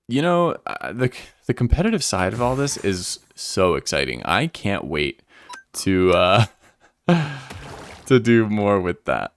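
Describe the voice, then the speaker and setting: A young man streaming a game, chatting casually and sleepily, rambling and thinking aloud with lots of fillers. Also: sits low. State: sleepy, yawning. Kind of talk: casual livestream gameplay chat.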